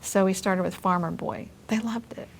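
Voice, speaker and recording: Middle aged mom type woman, casual chat, lots of vocal fry, thinks out loud, bit of background noise. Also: mid-range voice, moderate pace. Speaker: interview guest, a mother. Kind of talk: casual chat, recounting experiences.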